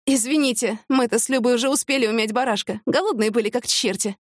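A woman's voice: fairly high pitch, fast, dry recording, studio quality, voice pushed up, natural voice. A woman voicing a blunt, earthy, slightly tipsy older widow in an audiobook.

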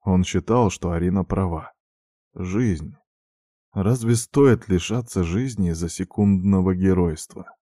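A man reading a novel aloud as narrator with expressive storytelling. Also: deep voice, measured pace, no echo, clean studio sound. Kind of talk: audiobook narration.

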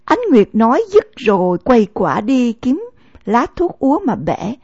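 A woman reading a novel aloud as an audiobook narrator, in measured storytelling narration, in a dull, lo-fi recording. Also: a little high, big pitch swings, darkish tone, husky, dry recording.

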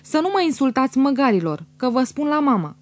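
A woman reading an audiobook, voicing a sulky, stubborn man with shrill, petulant outbursts. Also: lively intonation, a little mellow, no room sound, natural voice. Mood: shrieking fury.

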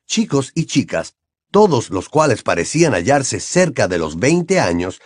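A man narrating a fantasy novel aloud in an expressive, lively reading. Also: mid-range voice, dry recording, clean studio sound. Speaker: audiobook reader. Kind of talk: storybook narration.

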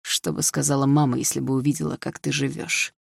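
A woman's voice: rumbling low, little pitch movement, a little fast, vocal fry, breathy edge, dry recording, clean studio sound, exaggerated voice. A woman voicing an angry young man who barks and hisses at his sister, in an audiobook reading. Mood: bitter. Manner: barking, hissing, harsh. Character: angry young man, protective older brother.

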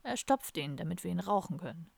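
A woman voicing an older male heavy-metal drinker who speaks low and hushed, matter-of-fact. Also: expressive, fairly quick, creaky, no echo, heavily acted.

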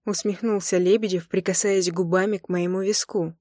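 A woman narrating a first-person romance audiobook with an intimate, expressive reading. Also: lowish voice, moderate pace, no echo, clean studio sound.

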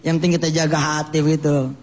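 A high-voiced man preaches. He tells his sermon like a story, throwing his voice up and down to play the people in it. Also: brisk. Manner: animated, voices characters with sudden pitch jumps. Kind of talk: lively mosque sermon acting out scenes. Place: mosque.

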